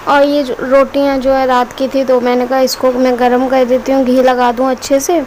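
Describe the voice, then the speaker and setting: High-voiced young woman vlogging over a noisy background. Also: little pitch movement, moderate pace, darkish tone. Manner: worried, talks straight to viewers. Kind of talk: casual vlog narration.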